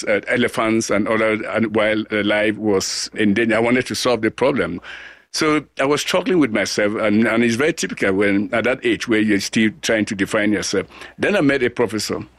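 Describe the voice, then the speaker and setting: Earnest low-voiced man from Cameroon. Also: fairly bright tone, no room sound, clean studio sound. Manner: earnest, deliberate with frequent restarts. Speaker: guest, global health scientist. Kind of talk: interview answers.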